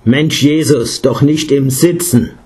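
A man voicing a husky, calm old guru. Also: medium pitch, a little slow. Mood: explaining. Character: elderly Indian meditation guru, calm, caring.

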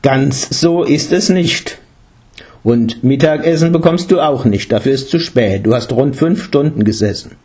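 A man voicing an older Indian meditation master who patiently and fatherly explains, in a slightly husky voice. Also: mid-range voice, measured pace, darkish tone, voice pushed up. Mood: admonishing. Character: elderly Indian meditation guru, calm, caring.

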